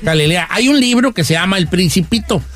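High, lively joking man. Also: brisk. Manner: joking, teasing, laughs while talking. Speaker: radio show host. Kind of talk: comedic radio banter.

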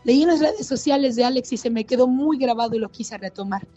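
A woman's voice: high voice, fairly quick, dark tone, highs cut off, faint music behind. A woman delivering a scripted relationship advice segment, earnest and direct, speaking to women listeners.

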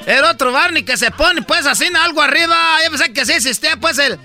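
A man's voice: extremely high pitch, fast talker, sharp tone, soft background music. A man telling a rambling comic story on radio in the persona of a boastful country rancher, padding every phrase with fillers and laughing at himself. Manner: rambling, full of fillers like "pues", laughing at his own tale. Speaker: radio comedy host.

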